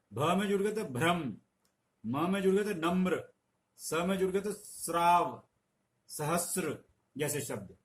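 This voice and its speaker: A middle-aged man teaching a spelling lesson, patient, explaining with little stories and examples. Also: sits high. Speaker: Hindi language teacher.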